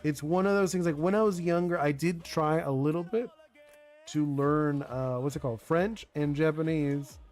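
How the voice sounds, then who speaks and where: A young man with a darkish, higher-than-average voice speaks at a normal speed, his first language being Spanish. He's casually chatting on a live stream as he designs a card game, rambling with lots of "like" and restarts, faint music in the background.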